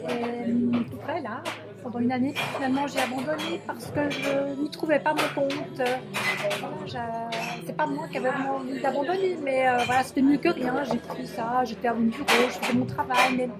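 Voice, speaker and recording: A woman sign language interpreter voicing an interview in the first person, halting and searching for words, in a café. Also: sits high, fairly even intonation. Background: loud music.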